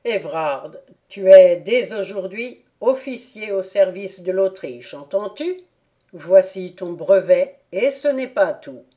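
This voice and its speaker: A woman's voice: medium pitch, expressive, slow, warm tone. A woman reading the lines of a stern aristocratic old count in an audiobook, solemn and commanding.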